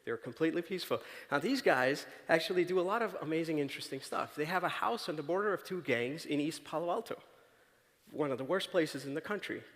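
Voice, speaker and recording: A man's voice: on the high side, lively intonation, fast talker, fairly bright tone. A man giving a conversational, story-driven talk on stage, often checking in with the audience by asking "right?". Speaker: conference speaker. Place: large auditorium stage. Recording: long reverb of a large hall.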